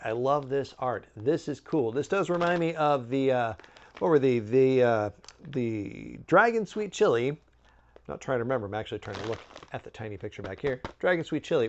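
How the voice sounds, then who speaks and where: A man's voice: medium pitch, highs cut off, a little hiss or hum. A man giving a casual, chatty snack review with wry, joking asides.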